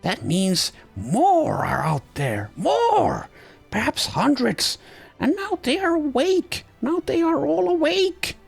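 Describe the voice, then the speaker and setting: A man's voice: very high voice, huge pitch swings, takes it slowly, gravelly, faint music behind, voice pushed up, exaggerated voice. A man voicing a mad, mushroom-addled woman who shrieks frantic exclamations while reading game event text aloud. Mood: ecstatic, frantic. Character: mad shroom-addled woman, ecstatic and shrill.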